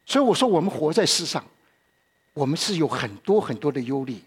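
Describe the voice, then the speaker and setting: Husky-voiced man preaching a sermon. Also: on the high side, sing-song, brisk. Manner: conversational, repeats himself and asks the listeners questions.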